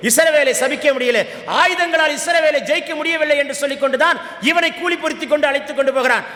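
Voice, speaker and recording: Tamil nadu accent preacher guy, really high bright voice, booming echo in a big church hall. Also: quick pace. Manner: exhorting, commands congregation to repeat. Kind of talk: Tamil Pentecostal sermon. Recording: echoey hall with long reverb.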